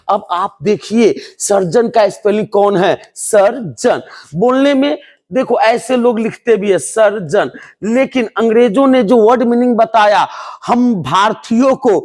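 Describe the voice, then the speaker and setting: A man teaching English spelling and pronunciation to board exam students, animated and joking as he playfully scolds the class. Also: high-pitched.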